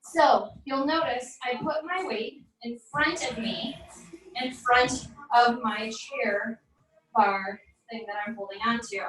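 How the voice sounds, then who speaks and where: Echoey, high-voiced woman instructor counting reps. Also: slow pace, a bit bright. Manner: encouraging, upbeat, counts down reps. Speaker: barre fitness instructor. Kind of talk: guided workout instruction with counting. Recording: very echoey room, voice from far off.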